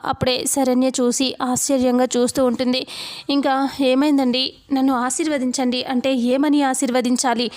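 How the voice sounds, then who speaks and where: High, flat-voiced woman narrating a recap. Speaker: channel host recapping a TV serial promo.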